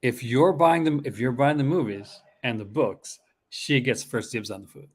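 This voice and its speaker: A man with a Newfoundland Canadian accent hosting a casual horror collecting chat in an excitable, rambling, chuckle-prone way. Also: mid-range voice, moderate pace, slightly rough. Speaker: horror movie collecting channel host.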